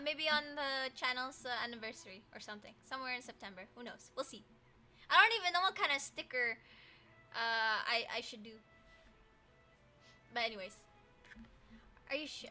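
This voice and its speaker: A woman's voice: high voice, pushed and bright. A woman livestreaming a story game, reading narration aloud and adding playful, teasing, slangy commentary. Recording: music behind the voice. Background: game music.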